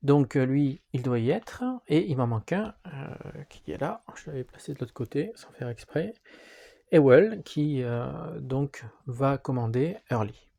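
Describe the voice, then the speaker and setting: Gravelly man explaining a board game. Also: mid-range voice, animated, a little slow, dark tone. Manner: hesitant, frequent fillers while handling pieces. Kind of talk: wargame rules walkthrough.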